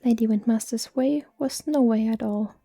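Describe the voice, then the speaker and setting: A woman reading a story aloud in a slow, hushed, even ASMR whisper. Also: fairly high pitch, gravelly, soft background music. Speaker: reader.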